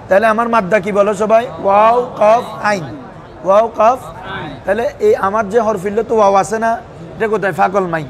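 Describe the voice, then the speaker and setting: A man teaching a class, his voice sitting noticeably high. He keeps asking his students questions and waiting for their answers. A crowd of students can be heard clearly around him in the room. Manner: quizzes students with a recurring "what is it?" tag. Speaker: madrasa teacher. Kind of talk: classroom lesson with call-and-response questions.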